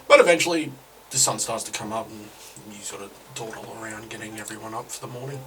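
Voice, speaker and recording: Relaxed male game master, far from mic. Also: lowish voice, fast talker, slight background noise. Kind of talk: narrating a tabletop game. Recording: distant mic with background music.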